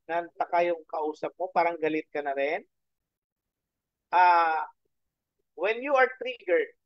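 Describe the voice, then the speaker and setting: A man's voice: high voice, dry recording, muffled recording. A man preaching a sermon in mixed Tagalog and English, asking the audience rhetorical questions and checking in with "okay?". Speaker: pastor.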